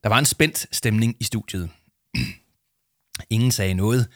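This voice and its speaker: A man reading a children's audiobook as narrator in a steady storytelling manner. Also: lowish voice, no room sound, studio quality. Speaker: audiobook reader. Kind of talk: scripted narration.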